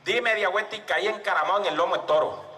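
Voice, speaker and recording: Male comic storyteller, lively and sharp-toned, echoing live-stage sound from a distance. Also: high-pitched, quick pace. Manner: animated, full of sound effects and shouts. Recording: echoey stage mic from far off.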